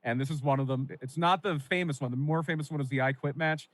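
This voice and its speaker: On a laid-back wrestling podcast, a co-host from Pennsylvania rambles through nostalgic stories, leaning on lots of fillers. He speaks fast in a somewhat high, slightly bright voice, and the recording quality is low.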